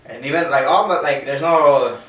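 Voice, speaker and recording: A man, a chef and caterer from Canada, talking casually in an interview, relaxed, with many fillers and repeated phrases. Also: medium pitch, normal speed. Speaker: interview guest. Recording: roomy, distant from mic, faint noise.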